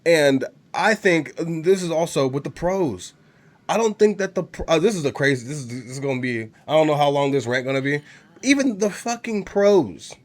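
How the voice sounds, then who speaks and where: A young man with a cold and a congested voice, ranting casually about gaming in a profane, rambling, heated way. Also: a little high. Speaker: gaming channel host. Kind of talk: casual rant to camera.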